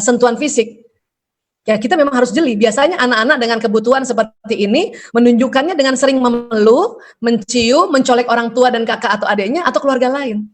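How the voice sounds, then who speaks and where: A middle-aged woman giving a parenting seminar, acting out the lines of parents and children in a higher voice. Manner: lively, acts out parent and child dialogue with raised pitch. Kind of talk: seminar talk.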